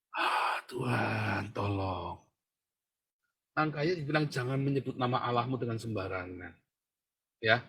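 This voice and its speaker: A male pastor giving a provocative, mocking sermon. He keeps turning to address his listeners directly and jumps from loud outbursts to low murmurs. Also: husky. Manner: constantly addresses listeners as brothers; leaps between shouting and low murmurs.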